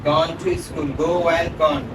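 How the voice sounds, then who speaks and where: A man's voice: on the high side, little pitch movement, extremely slow. A man teaching a spoken grammar lesson, asking his student questions and repeating the answers. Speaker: English teacher. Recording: echoey room from far off, noisy.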